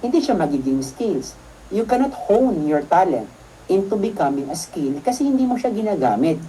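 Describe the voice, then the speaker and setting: A man's voice: high-pitched, very animated, normal speed, warm tone, slight background noise, poor audio. A man mentoring a seminar audience in a chatty motivational talk, often checking in with the room and laughing through his own stories. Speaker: network marketing mentor.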